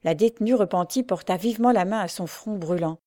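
Brief: woman audiobook narrator, measured storytelling, warm tone, dry recording. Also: medium pitch, no room sound. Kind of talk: audiobook narration of a classic novel.

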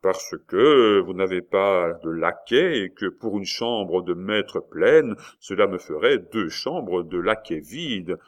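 A man reading aloud and voicing an insolent, cool-headed innkeeper who mocks his guests slowly. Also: sits low, lively intonation. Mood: mocking. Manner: phlegmatic, slow, mocking.

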